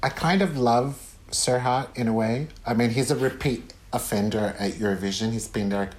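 A man talks as the guest in a relaxed podcast interview. He rambles, breaks off and restarts often, and fills gaps with ums as he builds his points. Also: medium pitch, normal speed. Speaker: guest author. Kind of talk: casual interview chat.

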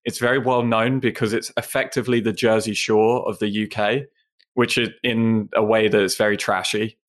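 Low-voiced English man, chatty guest. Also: little pitch movement, normal speed. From England (Essex). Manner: self-deprecating, chatty, rambling with fillers. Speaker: podcast guest. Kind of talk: casual interview chat.

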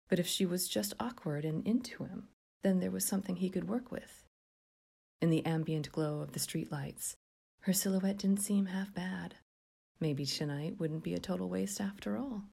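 A woman narrating a scripted horror story in a hushed, often whispered delivery. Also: fairly low pitch, moderate pace, creaky, breathy edge.

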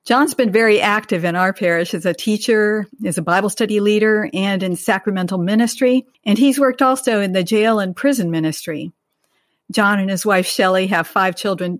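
A woman's voice: mid-range voice, normal speed, no room sound, clean studio sound. A woman co-hosting a podcast, giving a prepared guest introduction and leading an interview.

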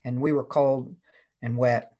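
A man over seventy from West Virginia, casually reminiscing as an interview guest in an unhurried storytelling way. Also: medium pitch, little pitch movement, dark tone, muffled recording. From West Virginia, United States. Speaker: guest, retired Marine colonel.

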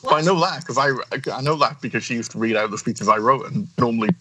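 A man's voice: mid-range voice, fast, sharp tone, a little hiss or hum, low-quality recording. A man co-hosting a casual podcast chat, telling stories with many restarts and asides. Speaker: co-host.

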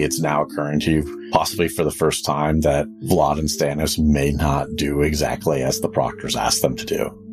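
A man acting as game master, narrating and improvising a tabletop role-playing game. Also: very deep voice.

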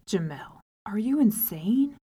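A woman's voice: medium pitch, lively intonation, slow pace, warm tone, slightly rough. A woman voicing a timid, worried young man in a folk tale. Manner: worried, hesitant. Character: timid nervous young man, poor digger.

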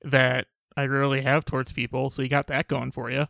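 A young man hosting a podcast, talking in a dry, monotone, sarcastic way. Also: mid-range voice, brisk, creaky, no echo. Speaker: podcast host. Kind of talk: casual podcast banter.

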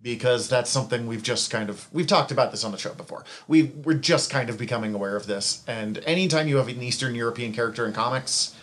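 A man's voice: mid-range voice, quick pace, few pauses, a bit bright. A man co-hosting a podcast, recapping comic book history in a rambling, self-correcting way with chuckles at his own asides.

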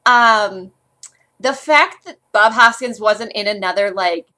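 A woman co-hosting a casual podcast chat, chatty, with quick asides and frequent laughter. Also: mid-range voice, bright, forceful tone. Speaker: podcast co-host.

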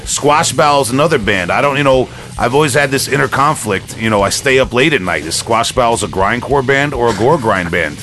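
A man hosting a casual music podcast talks with rambling, enthusiastic fan energy as music plays behind him, and there's a little hiss or hum. His medium-pitched, fairly bright voice is animated, at normal speed with few pauses.

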